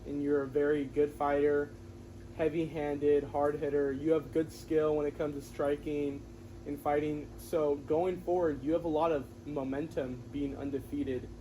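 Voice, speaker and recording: A man hosting a casual interview, easygoing and chatty, often nodding along with quiet "mm-hmm"s. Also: fairly high pitch, flat delivery, normal speed, slight background noise, low-quality recording. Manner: easygoing, frequent "mm-hmm" listening sounds. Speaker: interviewer, channel host.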